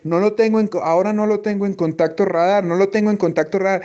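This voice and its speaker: A man's voice: high-pitched, steady tone, fast, warm tone, lo-fi sound, pitched above the performer's own voice, close to an everyday voice. A man voicing a female air traffic controller who speaks in clipped, formal radio phrases. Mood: tense.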